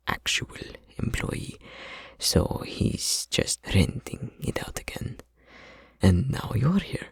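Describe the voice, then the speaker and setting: In an ASMR roleplay, a man plays an easygoing, chatty tattoo studio employee, rambling casually in a breathy, husky way. His voice is low and exaggerated, and the recording is dry.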